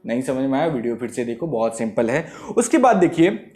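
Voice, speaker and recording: A young man teaching English grammar to students, lively and repetitive, often checking whether they understood. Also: mid-range voice, fairly quick, faint music behind. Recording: echoey room.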